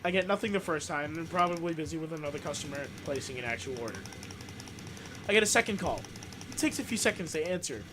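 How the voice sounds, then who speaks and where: A young man hosting a casual podcast, telling a funny childhood story in an animated way while playing a video game and laughing often. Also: fairly high pitch, fast talker, noisy background. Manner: animated, laughing, acts out quoted voices. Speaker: podcast host.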